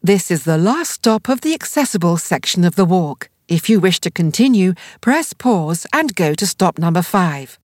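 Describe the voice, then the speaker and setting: A woman reading scripted nature documentary narration as an audio guide, in a measured, explanatory way. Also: fairly low pitch, very animated, darkish tone, no room sound, clean studio sound. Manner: measured, explanatory read delivery.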